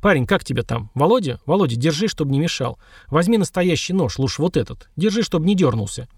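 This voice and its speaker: Calm, terse wizard healer in an audiobook, giving orders, voiced by a male narrator. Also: fairly high pitch, a little fast, breathy edge, no room sound, clean studio sound. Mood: commanding.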